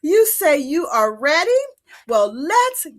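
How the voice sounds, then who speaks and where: Give me a woman playing an overbright, high-pitched kids' party host. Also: big pitch swings, slow, exaggerated voice. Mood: bubbly, excited. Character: Dazzleberry, overbright, cheery kids' show host. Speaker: children's show host teaching letter sounds. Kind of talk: children's show presenting with sing-song greetings.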